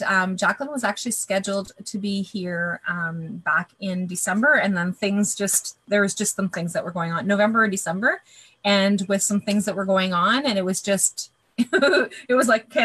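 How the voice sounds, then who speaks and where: Bright-voiced woman hosting a live video chat. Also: mid-range voice, dry recording, low-quality recording. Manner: chatty, hesitant, many fillers. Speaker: host. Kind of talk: live online interview chat.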